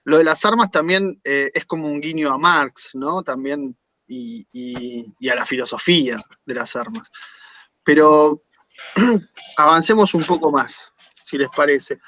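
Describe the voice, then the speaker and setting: A man coordinating a virtual academic panel, explaining points in a measured way and putting questions to the panelists over a video call. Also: fairly high pitch, animated, sharp tone.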